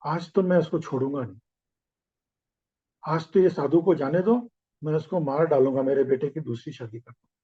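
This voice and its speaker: A man's voice: fairly high pitch, moderate pace, pauses often, breathy edge, pitched below the performer's own voice. A man voicing an angry, wealthy older father-in-law who scolds indignantly, on a slightly dull recording.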